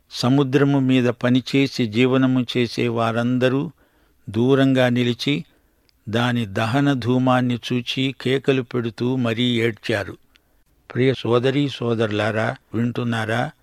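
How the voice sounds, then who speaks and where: A man preaching a scripted sermon on scripture, with a slow, dramatic storytelling delivery. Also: mid-range voice, no room sound, studio quality.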